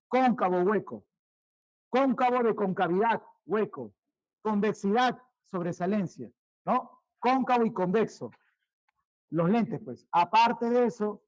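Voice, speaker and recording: A male teacher, giving a vocabulary lesson, repeating each word more and more quietly and quizzing his students. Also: high voice, no echo, rough recording. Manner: repeats words, trailing off quieter, asks questions.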